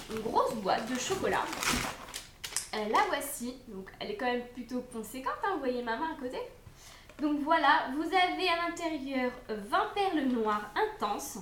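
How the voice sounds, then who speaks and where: A young woman with a high voice talks through a box of food products, chatty and a little hesitant, pausing on fillers as she goes. Her voice rings in an echoey room at home, with a faint hum behind it. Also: a bit bright. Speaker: unboxing vlogger. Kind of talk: casual product review.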